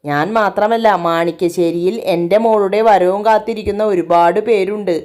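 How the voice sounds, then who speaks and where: A woman voicing a loving middle-aged father who speaks in a soft, reassuring way. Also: mid-range voice, steady tone, moderate pace, natural voice. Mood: tender.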